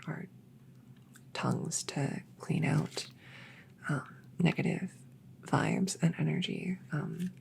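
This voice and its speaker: A woman playing a shy, smitten elf neighbor in a whispered role-play, soft and breathy, stammering hesitantly as she gently cares for the listener. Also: on the low side, full character voice. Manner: hesitant, stammering, awkward rambling.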